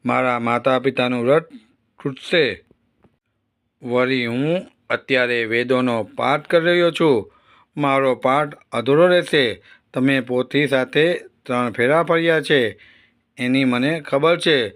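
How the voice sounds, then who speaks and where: A man reading the gentle, earnest lines of a radiant divine young man in a storybook tale. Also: medium pitch, takes it slowly, long pauses.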